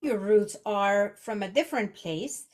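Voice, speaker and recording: A woman's medium-pitched, darkish voice, a little slow, belongs to a Mexican executive coach in her forties who speaks Spanish natively. Appearing as a podcast guest, she reflects conversationally in a Mexican accent and keeps restarting her phrases.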